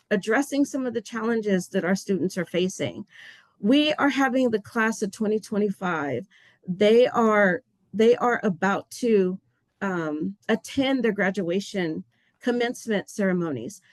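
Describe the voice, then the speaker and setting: A woman's voice: medium pitch, expressive, unhurried, no room sound. Earnest, passionate woman in dry sound. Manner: passionate, heartfelt; earnest, loses her place and restarts. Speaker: state agency official opening a webinar. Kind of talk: webinar welcome remarks.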